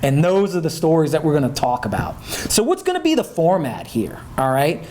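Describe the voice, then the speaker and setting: A man's voice: on the high side, wildly swooping pitch, moderate pace, darkish tone. A middle-aged man from south Louisiana hosting a casual chat show, folksy and emphatic, tagging his points with "okay?" and "right?". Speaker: podcast host.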